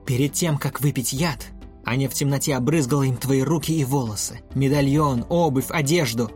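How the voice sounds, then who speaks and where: A man voicing a furious young boy who loudly accuses a murderer. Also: medium pitch, moderate pace, soft background music, lightly acted. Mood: angry accusing. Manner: loud, indignant declaiming.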